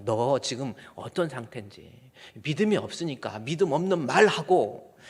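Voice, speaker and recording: A middle-aged male pastor preaching a sermon, moving between quiet asides and loud, emphatic peaks. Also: a little high. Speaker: senior pastor. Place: church sanctuary. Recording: long reverb of a church hall.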